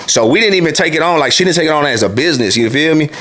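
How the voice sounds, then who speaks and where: A man's voice: on the high side, animated, very fast, fairly bright tone. A man in his late twenties, a former truck driver, telling his own story in a loose, profane, casual monologue full of "you feel me.". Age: 20s.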